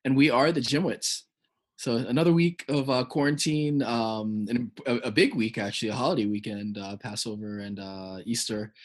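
A man's voice: medium pitch, fairly even intonation, normal speed. Give me a man with a mid-range voice who hosts a podcast. He is easygoing and hesitant, filling gaps with ums. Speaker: podcast host. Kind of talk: casual chat.

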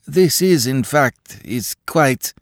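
A man voicing a timid middle-aged male clerk who pleads in halting, broken phrases. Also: mid-range voice, expressive, dry recording, clean studio sound, pitched above the performer's own voice. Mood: pleading, flustered.

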